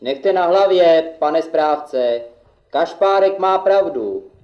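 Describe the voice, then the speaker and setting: Puppet-play peasant played by a man: blunt, defiant, highish voice, dull recording. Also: animated, reverberant, lightly acted. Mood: frank, firm. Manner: blunt, folksy. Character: Jíra, plain-spoken, defiant peasant fellow.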